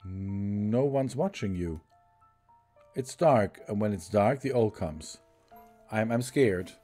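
A man voicing a worried young girl, the narrator's little sister, reading her lines in a slow, pleading way. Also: fairly low pitch, animated, dark tone, faint music behind. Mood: scared, pleading. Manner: anxious, pleading read-aloud lines.

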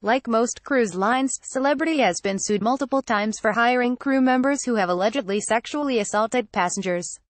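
A woman narrating a news report in a steady, scripted read. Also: a little high, moderate pace, hardly any pauses, dry recording.

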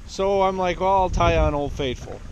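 A man in his thirties chats to a close action camera from a small boat, plain-spoken and rambling. His voice sits a little high. Wind and lapping water are clearly heard around him. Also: moderate pace, dull audio. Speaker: fishing vlogger. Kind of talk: casual chat to camera. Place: small boat on a lake, outdoors, then inside a truck. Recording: wind and water noise outdoors.

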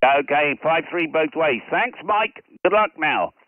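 A middle-aged man runs a ham radio station from his home shack, wearing a headset and loudly calling out phonetic call signs before chatting to himself. His fairly high voice has lively intonation and a slightly slow pace. The sound is phone-quality over a noisy background, capturing live radio contacts and casual commentary.

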